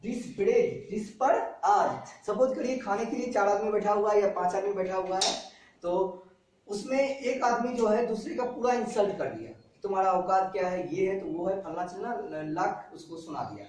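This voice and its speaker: High-voiced man teaching in echoey class. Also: normal speed, darkish tone, distant mic, a little hiss or hum. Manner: repeats each word and meaning, quizzes students. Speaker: vocabulary teacher.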